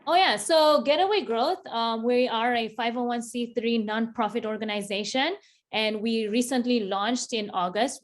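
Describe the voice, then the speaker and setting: A woman in her thirties from Kenya, an interview guest talking in a relaxed way, laughing often and using many fillers. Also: medium pitch. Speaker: interview guest, business founder. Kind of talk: casual interview.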